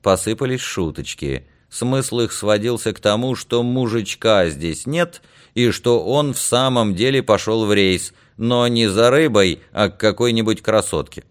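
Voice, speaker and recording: A man reading an audiobook in a measured, even narration. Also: lowish voice.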